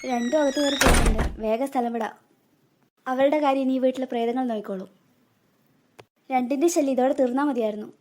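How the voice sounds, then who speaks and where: A woman's voice: sits high, steady tone, fast, long pauses, heavy background noise, close to an everyday voice. A woman voicing a scheming, cruel stepmother in a cartoon, bossy and scolding with sly asides. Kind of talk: cartoon voice acting.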